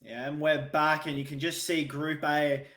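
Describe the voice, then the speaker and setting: A man's voice: a little high, level tone, normal speed, a bit bright. A man casting an esports tournament, chatting in an upbeat, hype-driven way. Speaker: esports caster. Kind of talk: casual play-by-play desk chat. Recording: roomy echo.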